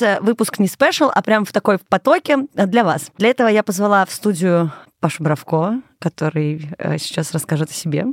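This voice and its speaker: A woman's voice: medium pitch, dry recording. A woman hosting a podcast in a studio, chatting off the cuff in a candid, playful, rambling way. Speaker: podcast host, obstetrician-gynecologist. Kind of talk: casual, unscripted podcast chat.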